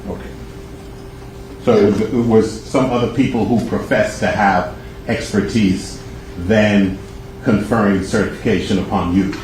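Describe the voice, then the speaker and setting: A man's voice: lowish voice, steady tone, a little slow, long pauses, a little mellow. A man cross-examining a witness as an attorney, probing and rephrasing his questions. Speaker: defense attorney. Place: courtroom. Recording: echoey, distant, noisy courtroom audio.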